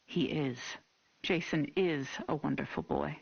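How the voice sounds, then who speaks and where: An unhinged, vengeful American mother in a dramatic horror game. Her voice is husky and curt, heavy with grief and menace. It comes through a dull, muffled old tape. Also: sits low, a little slow, full character voice. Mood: quiet, tender. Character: unhinged, grieving, vengeful mother of a lost boy. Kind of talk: dramatic game voice acting as a taped police interview.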